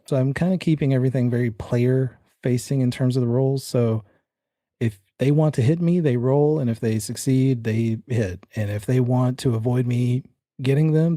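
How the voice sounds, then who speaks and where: This game master's voice is medium-pitched and warm, captured in a dry, studio-quality recording. He chats with the player as he narrates a tabletop horror game, framing scenes in the second person. Part of the talk is suspenseful storytelling and part is casual talk about the rules.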